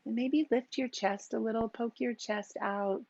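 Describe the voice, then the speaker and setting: A woman teaching a yoga class, giving calm and gentle cues for breath and posture with long pauses. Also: a little high, gravelly, dry recording, dull audio. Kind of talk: guided yoga and meditation instruction.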